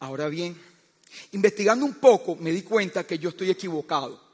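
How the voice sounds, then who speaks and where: A man's voice: high-pitched, animated, a little fast, slightly rough, big-room sound. A man preaching a sermon who tells stories and keeps asking his listeners "¿sabes qué?", often stammering and restarting his sentences.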